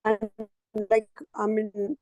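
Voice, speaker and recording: A woman asking a halting question in an online class, her voice breaking up over the call connection. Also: mid-range voice, monotone, darkish tone, no room sound. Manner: halting, full of fillers and restarts.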